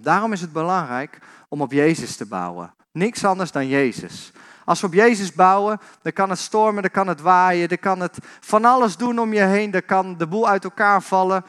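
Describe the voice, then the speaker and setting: A man with a somewhat high voice leads an informal sermon in a church hall. He speaks conversationally to the congregation, often repeating words and restarting his sentences. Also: a bit bright. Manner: conversational, addresses congregation directly, many repetitions and restarts. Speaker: preacher.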